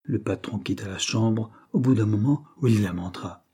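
Man reading an old novel aloud, low dark husky voice, steady and measured. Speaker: audiobook reader. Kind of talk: scripted narration.

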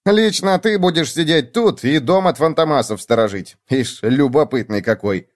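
A lazy, rude bug prince, as a male narrator puts him on, a bit higher than the reader's own voice. He grumbles and snaps, then bursts into indignant shouting. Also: expressive, moderate pace, close to an everyday voice. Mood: grumpy. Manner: grumbling, snappish.

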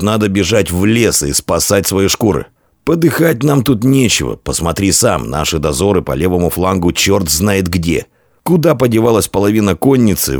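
A man voicing a tough red-bearded Byzantine decurion who barks orders in a gruff, commanding way. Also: deep voice, no room sound, studio quality, exaggerated voice.

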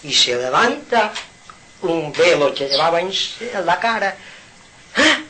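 Animated man preaching at home. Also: fairly high pitch, unhurried, background noise. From Mallorca, Spain. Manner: animated, preaching, rhetorical questions and sudden loud outbursts. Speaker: spiritual speaker. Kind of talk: informal spiritual talk at home.

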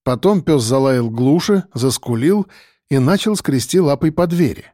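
A man narrating an audiobook in a steady, even storytelling voice. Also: mid-range voice, moderate pace, no room sound, studio quality.

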